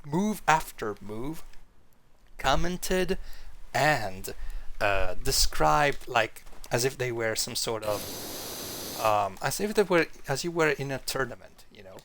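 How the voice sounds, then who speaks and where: Man, streamer from Italy, casual chat, restarts a lot, middle pitch, hissy desk mic. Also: takes it slowly, poor audio. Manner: rambling, many restarts, chats with viewers. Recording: steady hiss on the line.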